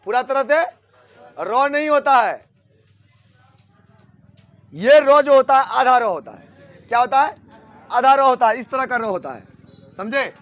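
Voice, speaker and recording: A man's voice: very high voice, fairly bright tone, dry recording, dull audio. A man teaching a grammar lesson at a board, repeating key words and often checking whether his students understand.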